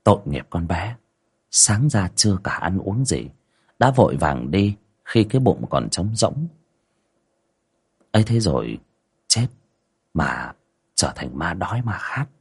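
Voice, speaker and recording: A man's voice: deep voice, measured pace, pauses often, breathy edge. A man hosting a livestream, reading a village ghost story aloud with dramatic storytelling. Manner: dramatic storytelling with lively rises and falls.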